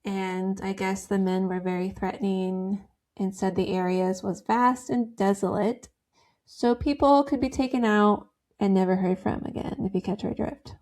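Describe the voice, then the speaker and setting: A woman's voice: medium pitch, steady tone, moderate pace, darkish tone. A woman co-hosting a podcast, chatting casually and telling stories in a rambling, giggly way. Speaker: podcast co-host. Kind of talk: casual chat.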